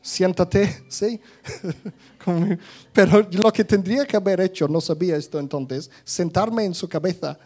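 High-voiced man giving a chatty talk. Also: unhurried, darkish tone. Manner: conversational, many restarts, acts out little scenes. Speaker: speaker giving a talk on thoughts and emotions. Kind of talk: casual spoken talk to an audience.

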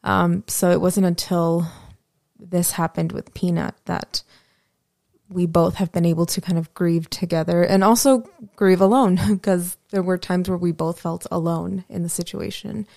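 A woman guest on a podcast, speaking reflectively and hesitantly, with many pauses and fillers. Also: on the low side, fairly even intonation, gravelly, darkish tone, no echo, clean studio sound. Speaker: guest, host's fiancée. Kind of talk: personal conversation.

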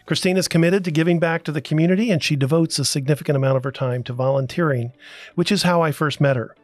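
Man hosting a relaxed business podcast. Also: fairly high pitch, faint music behind. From Florida. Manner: unhurried, with many fillers and restarts. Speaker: podcast host. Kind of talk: casual talk-show chat.

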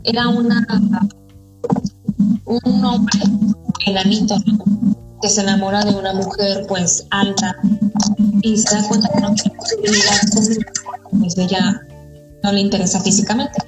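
A woman's voice: medium pitch, steady tone, a little slow, pauses often. A woman with a Mexican accent co-hosting a podcast in casual, slangy conversation. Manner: informal, slangy. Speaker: podcast co-host. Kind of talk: casual chat. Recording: roomy echo, music behind.

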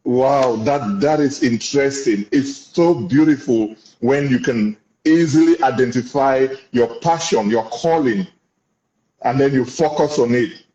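A man hosts a casual interview in an encouraging manner. His voice is dark and mellow at a middling pitch. The sound is somewhat muffled, with clear room echo. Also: unhurried. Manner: encouraging, complimentary. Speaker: host of a business interview show. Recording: muffled audio in an echoey room.

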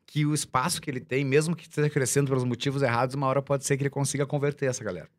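A man, a musician guest in a casual chat, talking in an animated, slangy, emphatic way. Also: medium pitch, racing.

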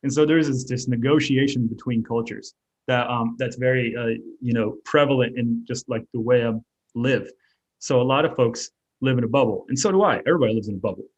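An author and artist who grew up in Germany, with German as his first language, answers casual interview questions in a rambling, reflective way, full of fillers and restarts. His mid-range voice is brisk and slightly rough, and the audio sounds dull.

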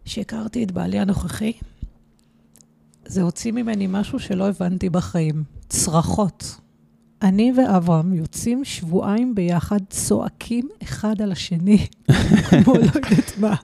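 A woman, a podcast guest, telling a personal story with animated emphasis. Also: medium pitch, gravelly, no room sound.

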